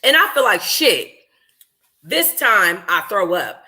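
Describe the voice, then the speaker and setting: As a book club host, a woman reads a first-person novel aloud informally, sounding expressive, conversational and slangy. Her voice is mid-range and she reads slowly.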